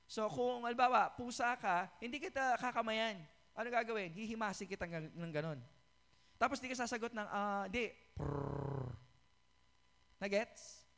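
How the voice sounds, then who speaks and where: High, clear-voiced pastor preaching. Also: male voice, normal speed, fairly bright tone. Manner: switches between Tagalog and English, keeps checking in with the congregation. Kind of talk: sermon. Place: church sanctuary. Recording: reverberant church hall.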